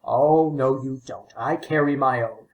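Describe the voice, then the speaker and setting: A man's voice: medium pitch, unhurried, a little mellow, dull audio, close to an everyday voice. A man doing a grumpy fussy old man. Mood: testy. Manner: peevish and sputtering, with stammers. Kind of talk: audiobook character voice.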